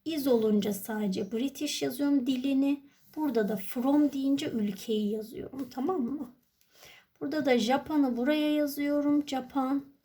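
A woman teacher with a fairly high voice and a Turkish accent. She walks through an exam item by item. She asks her own questions and then answers them. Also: moderate pace, dark tone. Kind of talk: exam walkthrough lesson.

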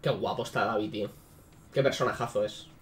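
A man's voice: fairly low pitch, fairly even intonation, fairly quick, a little hiss or hum. A man giving casual, sarcastic commentary on a mobile game, swearing freely. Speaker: gaming YouTuber.

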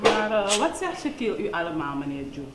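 A woman plays a polite school principal in a low-budget film, formal and supportive as she speaks to a teacher. Her pitch moves around a lot. The voice rings in an echoey room. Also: big pitch swings, brisk, over music, natural voice. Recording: echoey room with faint noise.

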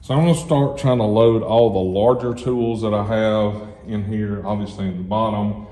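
A middle-aged man gives a casual walkthrough of his tool box, explaining things plainly with a few fillers, in a large, bare shop building still under construction. His fairly low voice keeps a steady tone at a moderate pace amid background noise. The empty shop echoes, and loud music plays behind him.

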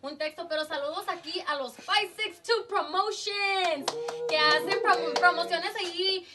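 A woman's voice: very high voice, a little slow, far from the mic. A woman hosting a casual live show, chatting in a mix of Spanish and English and laughing at her own jokes. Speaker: show host. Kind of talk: casual live show chat and joke telling.

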